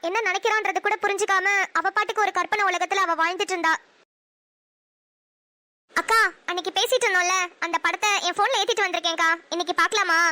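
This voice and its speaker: A woman's voice: very high voice, bright, forceful tone. A woman with a Namakkal Tamil accent narrating a cartoon story in the first person, chatty and blunt. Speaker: narrator and voice actor.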